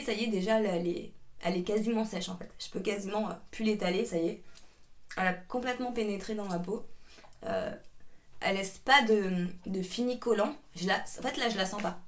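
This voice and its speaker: A young woman vlogs a make-up tutorial from a spare room at her grandmother's house. She talks in a relaxed, chatty way and keeps apologizing. Her speech is full of hesitant fillers and restarts. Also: mid-range voice. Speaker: beauty vlogger. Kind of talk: casual make-up tutorial chat.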